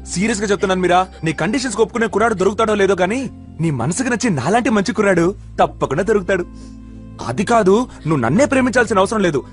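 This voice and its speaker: An actor playing an eager young man pleading his case to a woman in a dubbed film comedy. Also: high-pitched. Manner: pleading, fawning.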